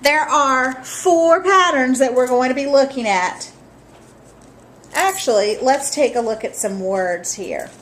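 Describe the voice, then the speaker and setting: Slow, patient woman teaching phonics. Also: high-pitched, slight background noise. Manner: slow, patient, clearly sounding out letters and words. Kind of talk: recorded phonics lesson for children.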